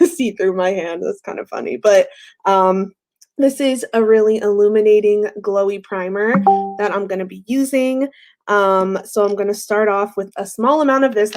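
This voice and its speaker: A young woman with a mid-range, slightly dark voice hosts a relaxed makeup tutorial livestream. She's still getting over an illness, so her voice sounds a bit off, but she stays chatty and friendly, dropping frequent "um"s and light laughs.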